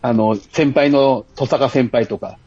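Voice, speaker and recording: A man's voice: medium pitch, slow pace, warm tone, slightly rough, no echo, muffled recording. A man chatting as a podcast guest, explaining casually and searching for his words.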